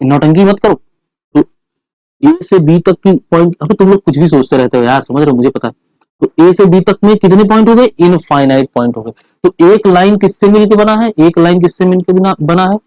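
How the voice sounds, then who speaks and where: A male math teacher giving a lively lecture, chatty and teasing, repeating questions to his students. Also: on the high side, dry recording, poor audio.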